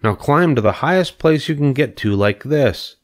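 A man voicing a clever, patient female spider in a storybook, measured and matter-of-fact. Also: medium pitch, lively intonation, voice pushed up, close to an everyday voice. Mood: coaching. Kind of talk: storybook character reading.

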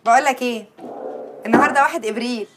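A woman's voice: on the high side, rapid-fire, heavy background noise, close to an everyday voice. A woman with an Egyptian accent playing a sassy young wife who bickers affectionately with her husband. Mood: bickering. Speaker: wife, schoolteacher.

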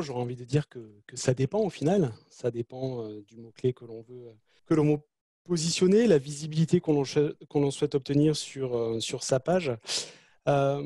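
A man's voice: mid-range voice, warm tone, dry recording. A man on a webinar panel answering a question hesitantly, with many restarts, over a video call. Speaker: project manager, panelist.

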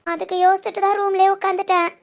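A woman playing a timid, very high-voiced young bride. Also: level tone, quick pace. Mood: worried, hesitant. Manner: hesitant, tearful, soft-spoken. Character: shy anxious young newlywed wife. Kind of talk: romantic audio drama.

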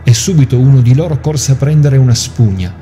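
A priest giving a measured, solemn liturgical scripture reading. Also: male voice, mid-range voice, animated, warm tone. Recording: music playing underneath.

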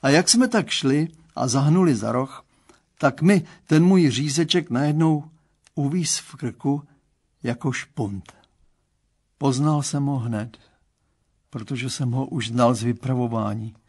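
Older guy reading an audiobook aloud, dry wry delivery, plain mid pitch. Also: darkish tone, slightly rough. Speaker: audiobook narrator. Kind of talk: scripted audiobook narration.

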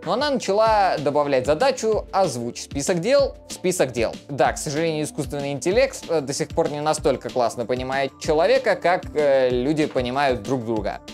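A man's voice: a little high, animated, fairly quick, hardly any pauses, darkish tone, faint music behind. A young man giving a casual gadget review to camera on a lapel mic. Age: young adult. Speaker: tech reviewer. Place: small furnished room indoors. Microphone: clip-on lapel mic.

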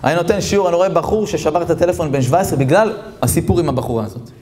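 A man giving a lively Torah lesson as a rabbi, telling stories, chuckling as he talks and slowing down to stress the texts he quotes. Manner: animated, jumps into character voices and high exclamations; chuckles while talking. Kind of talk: lively sermon with storytelling.

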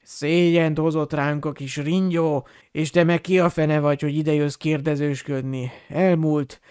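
A man's voice: a little high, steady tone, darkish tone, smooth, dry recording, studio quality, lightly acted. A man voicing a drunken, squalid middle-aged wizard who rambles, mutters and snarls with contempt. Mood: raging. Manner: slurred, muttering outbursts, spitting contempt.

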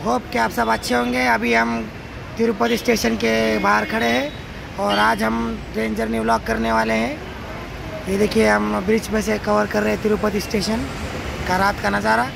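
A man's voice: high-pitched, moderate pace, gravelly. A man narrating a travel vlog from a railway station and train, talking to viewers as friends. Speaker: travel vlogger. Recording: loud station crowd and noise.

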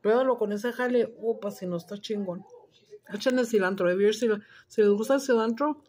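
A woman's voice: a little high, moderate pace. Crude, brash woman vlogger. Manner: loud, crude, swears freely, switches between Spanish and English. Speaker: mukbang cooking vlogger. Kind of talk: casual chat while cooking and eating.

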